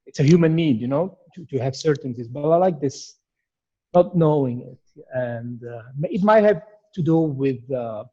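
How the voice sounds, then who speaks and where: A man's voice: mid-range voice, animated, moderate pace, mellow, muffled recording. A man from Iraq, a sculptor, giving thoughtful, searching answers in an interview with many restarts.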